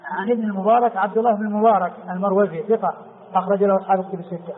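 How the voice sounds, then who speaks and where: Male hadith teacher, high-pitched, quick, repeats himself, phone-like lo-fi sound. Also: steady tone. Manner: explains slowly, repeats phrases, many fillers. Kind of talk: classical Arabic lesson commentary. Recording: tinny phone-like lo-fi recording with faint hiss.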